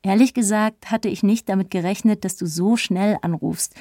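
A calm young woman friend, expecting her first child, speaks gently and reassuringly in an audiobook, as the narrator reads her lines. Her voice stays warm and mellow, recorded close and dry. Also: medium pitch, moderate pace, dry recording, lightly acted.

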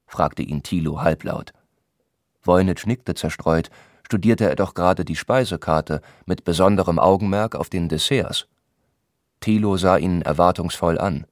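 A man reading a novel aloud as narrator in a measured, even storytelling manner. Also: deep voice, dry recording, clean studio sound. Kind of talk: scripted narration.

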